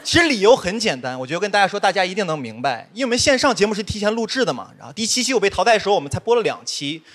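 Fast, high-voiced young man doing stand-up. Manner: quick, lively, self-mocking storytelling with frequent asides to the audience. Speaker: stand-up comedian. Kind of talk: stand-up set on a competition stage. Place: studio stage before a live audience. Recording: live stage mic with audience laughter. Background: audience laughter.

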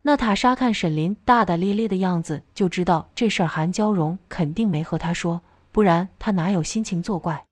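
A woman's voice: on the low side, fairly quick, hardly any pauses, a little mellow, no room sound. Woman narrating a novel, dry close sound. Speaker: audiobook narrator.

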